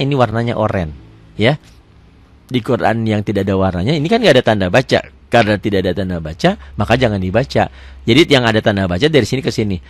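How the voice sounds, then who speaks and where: A man teaching a beginner tajwid lesson, asking and answering his own questions and slowing down to recite examples. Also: medium pitch, no echo. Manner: switches between chatty talk and slow drawn-out recitation.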